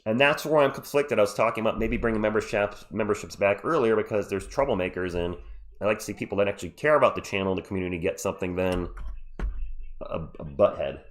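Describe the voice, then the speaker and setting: A man with a cold hosts a casual live play-by-play stream, joking around with viewers between bits of sports commentary. His voice is lowish and he talks fast.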